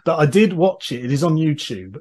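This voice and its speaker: A man's voice: on the high side, big pitch swings, fairly quick, a little mellow. A man hosting a podcast, asking his guest about old sketches in a casual, fan-like way. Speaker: podcast host. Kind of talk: casual interview.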